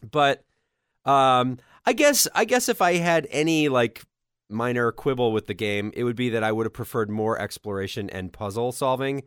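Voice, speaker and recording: A man's voice: medium pitch, animated, moderate pace, a bit bright, clear, resonant tone, dry recording, studio quality. A man with a nasal, stuffed-up voice from a cold, co-hosting a podcast in casual, joking chat about games. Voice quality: nasal, congested. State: under the weather with a cold, occasional cough. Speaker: podcast co-host.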